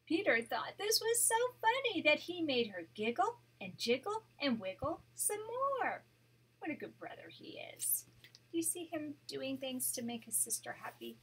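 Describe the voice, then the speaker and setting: An older woman, a grandmother, reading a children's story aloud to her grandchild, animated and pausing to point out the pictures. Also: high-pitched, low-quality recording.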